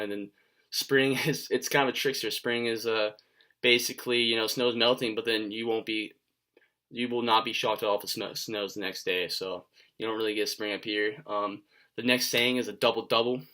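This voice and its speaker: A young man from Washington state talking through a class video presentation in a casual, halting way, with many fillers and restarts. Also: on the low side, pushed and bright. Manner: casual, conversational. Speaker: student presenter.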